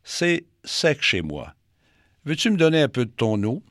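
A man's voice: mid-range voice, big pitch swings, a little slow, fairly bright tone, no echo, clean studio sound, voice pushed up. A man voicing a friendly, admiring red planet that asks for water, in a lifted, friendly voice.

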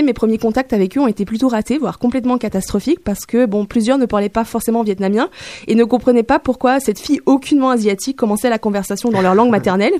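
A woman's voice: a little high, warm tone, no room sound. A young woman with a French accent, reading a wry, self-mocking opinion column on the radio. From Canada. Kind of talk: scripted opinion piece.

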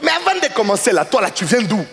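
A man's voice: high-pitched, big pitch swings, fast talker, vocal fry, background noise, pitched above the performer's own voice, heavily acted. A man voicing a pushy, proud adult male customer who talks in an insistent, lecturing way.

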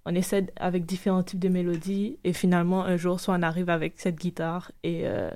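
Woman from Haiti, lowish voice. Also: level tone, brisk, dark tone. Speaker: band member. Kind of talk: casual interview chat.

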